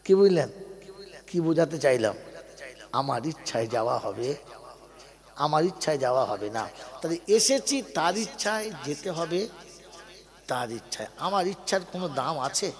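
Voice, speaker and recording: A male preacher delivers a lively sermon, telling stories and calling on the crowd to answer him. His voice sits high and swings widely in pitch. It rings out with a long reverb. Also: moderate pace, long pauses. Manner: storytelling, calls on the audience to answer.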